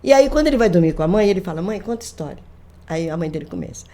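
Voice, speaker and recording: An older woman, a grandmother, chatting on a podcast and retelling family stories with lively quoted voices. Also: on the low side, racing. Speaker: guest, folklorist. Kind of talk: casual storytelling conversation.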